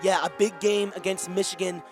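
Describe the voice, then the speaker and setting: A young male student sportscaster with a fairly high voice calls basketball play-by-play. His calls are brisk and build to excited shouts when a shot drops. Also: music in the background. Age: young adult. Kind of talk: sideline interview and play-by-play commentary.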